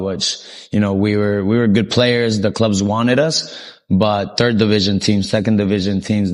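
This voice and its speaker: Low-voiced Colombian-born man telling his story. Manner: relaxed, rambling with frequent ums. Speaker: soccer coach, interview guest. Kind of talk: casual interview storytelling.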